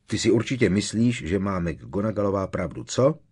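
A man's voice: deep voice, husky. A man voicing a defiant, hot-tempered teenage boy who protests in a sarcastic, indignant way.

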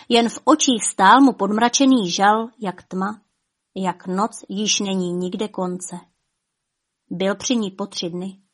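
A woman narrating a fairy tale in a rhythmic, dramatic way, with soft drops in her voice. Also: medium pitch. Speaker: storyteller. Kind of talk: expressive fairy-tale reading.

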